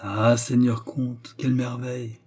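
A man's voice: medium pitch, flat delivery, a little slow, mellow, natural voice. A man voicing fawning courtiers who heap extravagant praise on their lord. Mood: gushing. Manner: gushing, lofty praise. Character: fawning male courtiers and flatterers.

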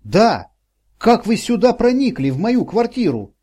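A man's voice: sits high, lively intonation, moderate pace, mellow, voice pushed up. A man voicing a frightened, blind elderly woman who pleads and sobs. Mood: pleading, alarmed. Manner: sobbing, pleading, panicky.

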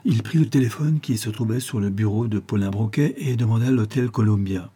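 A man narrating a detective novel as an audiobook, in a measured, even storytelling manner. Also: fairly low pitch, husky. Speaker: audiobook reader.

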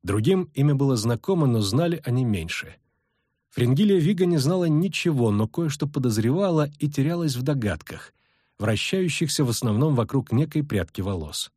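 A man narrating a fantasy audiobook in a measured, even storytelling manner. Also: medium pitch, breathy edge, no room sound, studio quality.

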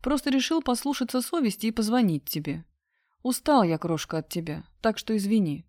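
Woman doing a young man, husky, mocking, careless, cold, audiobook, dark mellow voice. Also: fairly high pitch, animated, fairly quick, no echo, studio quality, close to an everyday voice.

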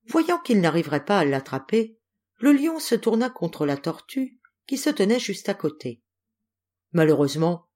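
A woman reading a children's fable aloud in an expressive, animated storybook narration. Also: lowish voice. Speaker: audiobook reader.

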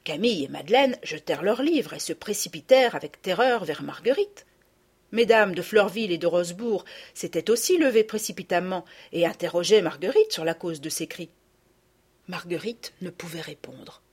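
A woman narrating a storybook with expressive, animated reading. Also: on the low side, moderate pace, husky.

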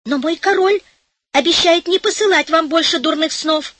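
A woman reading an audiobook, voicing a tiny, squeaky male envoy from a dream kingdom who bargains in a quick, placating way. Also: a bit bright, no room sound.

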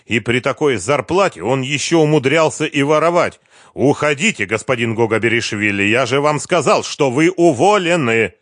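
Man playing a stern young heir, curt, firm, lively pitch, dry sound. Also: normal speed, dry recording, natural voice.

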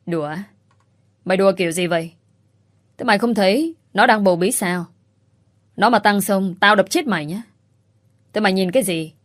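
A woman's voice: medium pitch, dry recording, close to an everyday voice. A woman voicing a brash, bad-tempered female friend who scolds sharply. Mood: furious.

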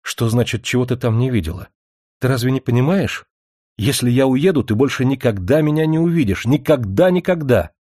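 A man's voice: mid-range voice, a little fast, a little mellow, no echo, studio quality, close to an everyday voice. Man playing a flustered, pompous writer. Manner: flustered outbursts, pompous declaiming. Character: indignant middle-aged male writer, flustered and rhetorical.

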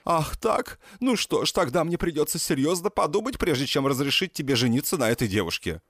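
A man's voice: a little high, sing-song, fairly quick, a bit bright, no room sound, studio quality, voice pushed up, full character voice. A man voicing a domineering, clingy middle-aged mother in an audiobook, with an insistent, wheedling manner. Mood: haughty. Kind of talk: audiobook character voice.

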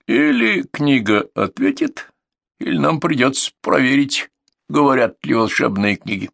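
A man voicing a stern, commanding king in a storybook reading, speaking slowly and gravely. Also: medium pitch, big pitch swings, a bit bright, dry recording, voice pushed up, exaggerated voice. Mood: threatening.

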